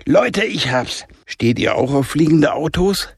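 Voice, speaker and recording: Guy reading as a pushy excited teen boy, voice pitched way up, a bit husky. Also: unhurried, no room sound, clean studio sound, full character voice. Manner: raised, eager, pushy. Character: urgent teenage boy, hero of the adventure.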